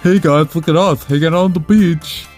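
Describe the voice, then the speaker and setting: A man's voice: fairly high pitch, normal speed, a little mellow, faint music behind, voice pushed up, natural voice. A man voicing a carefree adult male Navy sailor in a goofy, sing-song tone. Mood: breezy.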